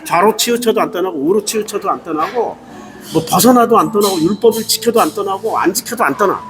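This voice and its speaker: A man's voice: sits high, brisk. A middle-aged male pastor preaching with emphatic rhetorical questions and emotional swings. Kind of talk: sermon. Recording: music playing behind.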